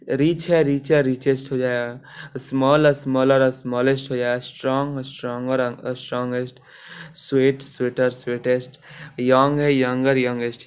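A man with a smooth, resonant voice teaches a grammar lesson. He explains each rule step by step, pausing with fillers and restarting his phrases. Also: mid-range voice.

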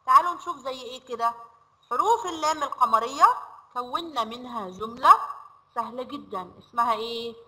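High, bright Egyptian woman teaching children. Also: lively intonation, poor audio. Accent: Egyptian Arabic. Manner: slow, drawn-out word drills. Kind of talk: online lesson for children.

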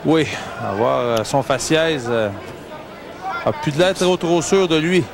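A man's voice: on the high side, animated, unhurried, creaky, a crowd in the background. Hesitant Quebec man co-commentating, noisy background. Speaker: boxing co-commentator. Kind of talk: casual sports commentary. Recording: noisy live arena broadcast.

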